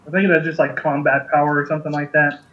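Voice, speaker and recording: A man's voice: on the high side, flat delivery, fast, highs cut off. A man co-hosting a podcast in casual chat, easygoing and full of ums, laughing often. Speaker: podcast co-host.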